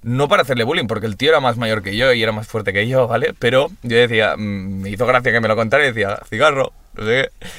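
A man's voice: lowish voice, a bit bright, no echo. A young man with a Castilian Spanish accent chatting casually and telling stories to friends in slangy, sweary talk. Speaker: podcast co-host. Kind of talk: casual chat and storytelling among friends.

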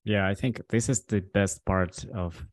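A man hosting a podcast and asking questions over a video call, measured and searching for words. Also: fairly low pitch, fairly even intonation, dry recording. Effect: heard over a video call. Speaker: podcast host. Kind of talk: interview questions.

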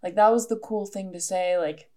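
A young woman talks through a solo podcast monologue, casual and earnest, with plenty of "like" fillers. Her pitch sits in a middle range for a woman. She speaks steadily to the listener. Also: steady tone, normal speed, mellow. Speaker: podcast host.

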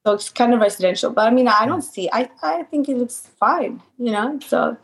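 A woman's voice: a little high, brisk, creaky. Chatty woman with a mixed Swedish-British accent. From Sweden. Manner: laughs often, friendly and chatty. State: slightly rough morning voice. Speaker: podcast guest. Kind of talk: casual interview chat. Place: home in a sunny residential area. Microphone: video call.

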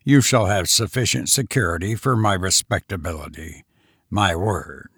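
A man voicing a dry, testy old gentleman. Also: fairly low pitch, lively intonation, takes it slowly, no echo, exaggerated voice. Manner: dry, clipped, commanding. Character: mysterious testy old gentleman suitor, curt.

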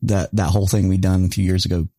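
A man with a low voice hosts a casual podcast, swearing freely and laughing as he tells service stories. The sound is dry and close, with no room in it. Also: flat delivery, fast talker, warm tone, no echo. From rural area. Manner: profane, laughing, storytelling. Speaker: podcast host.

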